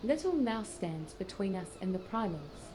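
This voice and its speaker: An actress with a natural, mid-range, very animated voice plays an earnest, scholarly female sage in scripted fantasy game dialogue. Solemnly reflective, she speaks formally in a measured, pensive way with archaic phrasing, over a noisy background.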